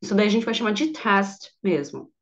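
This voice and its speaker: A woman's voice: mid-range voice, lively intonation, normal speed. A woman, teaching English grammar in an online lesson, patient and repeating each word for her students. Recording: dull lo-fi audio.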